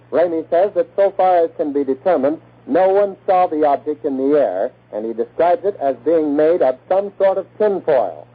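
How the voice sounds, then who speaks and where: A man's voice: on the high side, breathy edge, narrow, tinny audio. A man reporting the news as a radio correspondent in a formal 1940s style, heard from an old archival broadcast.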